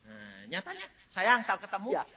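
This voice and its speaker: Lively husky old Javanese preacher. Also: male voice, high-pitched, brisk. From Central Java, Indonesia. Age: 80s. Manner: animated, acts out voices in his stories. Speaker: evangelist preacher. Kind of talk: storytelling sermon. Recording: dull lo-fi sermon recording.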